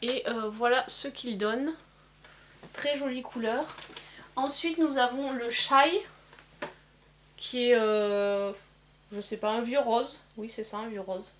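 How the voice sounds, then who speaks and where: A woman demonstrating eyeshadow swatches in a casual vlog, pausing often with fillers. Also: fairly high pitch, a little hiss or hum. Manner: hesitant, many filler pauses. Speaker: beauty vlogger. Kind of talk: casual makeup swatch demo.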